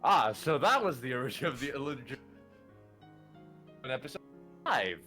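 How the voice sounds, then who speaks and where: A man's voice: medium pitch, very animated, a little fast, pushed and bright, faint music behind. A man co-hosting a let's play, casually reading game dialogue aloud and chatting.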